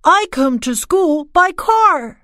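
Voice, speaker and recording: Woman as an eager schoolboy, high, slow, dry studio. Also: expressive, bright, forceful tone, dry recording, heavily acted. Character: young schoolboy pupil. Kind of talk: slow scripted textbook dialogue.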